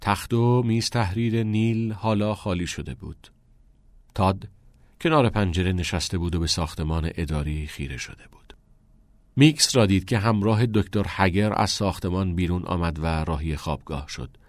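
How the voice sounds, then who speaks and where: Calm male audiobook narrator, dry sound. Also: deep voice, no room sound. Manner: calm, measured reading.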